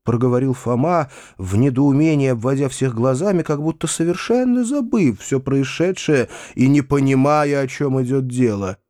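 A man reading a classic novel aloud as audiobook narration, with an expressive delivery. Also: mid-range voice, normal speed, hardly any pauses, no echo, studio quality. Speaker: reader.

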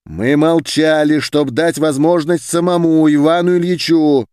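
A man's voice: a little high, steady tone, darkish tone, clear, resonant tone, no echo, clean studio sound, pitched above the performer's own voice, natural voice. A man voicing a cold stern official. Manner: cold, deliberate, authoritative. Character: stern male official chairing a meeting. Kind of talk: audiobook character voice.

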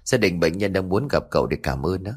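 A man voicing a tired middle-aged hospital department head who talks calmly and kindly. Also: low voice, a little fast.

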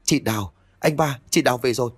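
A man's voice: medium pitch, brisk, slightly rough, no room sound, lightly acted. A man voicing a frightened young girl from a wealthy house who pleads and weeps. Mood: pleading, tearful. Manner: pleading, tearful.

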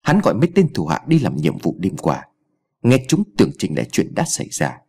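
A man narrating an audiobook story in an expressive storytelling manner. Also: low-pitched, fairly quick, slightly rough.

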